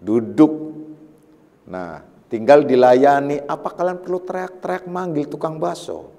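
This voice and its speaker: Guy teaching a night religious class, keeps repeating his warnings, bit high-pitched, echoey hall. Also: unhurried, creaky, dark tone. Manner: explains patiently with repetition and everyday examples; warns emphatically. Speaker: Sufi teacher giving a night study session. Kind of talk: religious lecture on a classical text.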